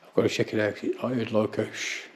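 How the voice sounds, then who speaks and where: A man's voice: lowish voice, little pitch movement, fairly quick, noisy background. A British man speaking as an amateur ghost hunter in a casual, blunt way, calling out to spirits and chatting as he investigates indoors. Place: indoors in a pub. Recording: echoey room in a pub.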